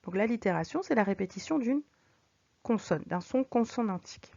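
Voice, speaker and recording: A woman teacher explaining figures of speech to her students, patient, reading examples slowly and clearly. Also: mid-range voice, lively intonation, warm tone. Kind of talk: recorded French lesson. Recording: dull lo-fi recording.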